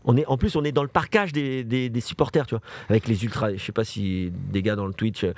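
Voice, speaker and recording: On a livestream, a French football show presenter in his thirties tells stories in relaxed conversation, leaning on repeated phrases for emphasis. He speaks fairly quickly at a medium pitch, and there's no room sound.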